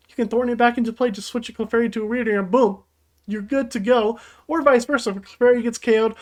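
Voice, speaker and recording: A woman giving casual commentary on her card game deck, chatty and thinking aloud as she plays. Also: on the high side. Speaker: gaming YouTuber. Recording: faint background music.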